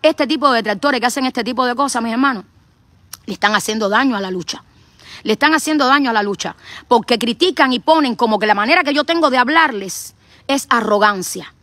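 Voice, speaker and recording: A woman's voice: a little high, brisk, fairly bright tone, no echo. A middle-aged woman from Cuba with a Cuban accent, giving an impassioned live stream as an activist streamer. She speaks in a fiery, repetitive, preacher-like way.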